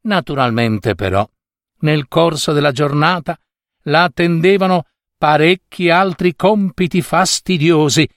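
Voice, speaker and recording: A man reading a fairy tale aloud with an expressive storytelling cadence. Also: a little high, a little slow, no room sound, clean studio sound.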